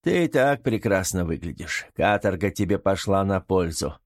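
A man's voice: deep voice, animated, moderate pace. A man voicing a sneering man who mocks others theatrically in an audiobook reading. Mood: irritated. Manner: mocking, theatrical.

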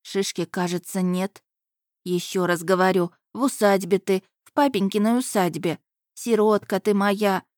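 A woman's voice: medium pitch, fairly even intonation, a little slow, a little mellow, no room sound, studio quality, close to an everyday voice. A woman voicing a doting, stout old nanny who fusses and laments over her charge. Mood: fussing. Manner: lamenting, fussing.

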